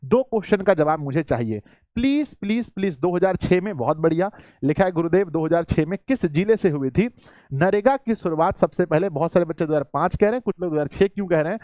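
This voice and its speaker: A man teaches a live online exam-prep class, urging his students along and repeating key answers. His voice sits fairly high for a man. The sound is close and dry, with no room around it. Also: lively intonation, quick pace, darkish tone, dry recording. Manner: coaxing, repetitive, addresses students as children.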